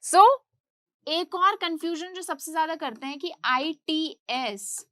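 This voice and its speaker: A high-pitched woman leads a grammar lesson, switching between Hindi explanation and slow, careful English readings. She keeps posing questions and answering them herself. The sound is dry and close, with no room around it. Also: expressive, a bit bright, no echo. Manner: reads English definitions slowly, explains in Hindi. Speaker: teacher.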